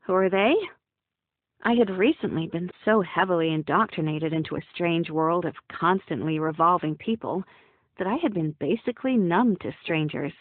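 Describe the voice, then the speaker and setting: A woman's voice: fairly low pitch, lively intonation, normal speed, no echo. A young woman narrating an audiobook in the first person, wry and playful. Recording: dry, phone-like narrow sound.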